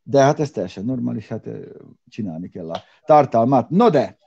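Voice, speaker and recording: A man's voice: medium pitch, animated, vocal fry, mellow, husky, lo-fi sound. A man co-hosting a casual car show, talking in rambling bursts with fillers and restarts. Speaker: podcast co-host. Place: separate room from co-hosts.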